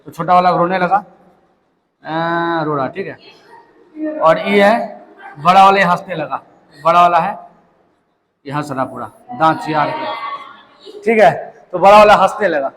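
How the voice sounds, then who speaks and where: A man's voice: fairly high pitch, measured pace, long pauses, fairly bright tone, big-room sound, slight background noise, poor audio. A young man teaching biology, asking questions and answering them himself as he tells a story. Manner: asks and answers his own questions, storytelling. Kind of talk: classroom lecture.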